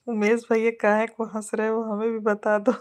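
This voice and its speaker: A woman with an Awadhi accent, a folk singer hosting a live stream, chatting casually and affectionately with viewers, greeting and thanking them by name. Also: fairly high pitch. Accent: Awadhi Hindi.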